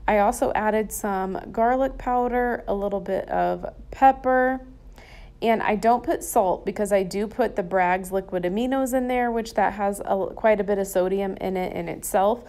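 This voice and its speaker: A woman talks through her home cooking in a relaxed voice-over. She is chatty and enthusiastic, with folksy asides and a middle-pitched voice. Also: normal speed. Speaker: cooking vlogger. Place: home kitchen.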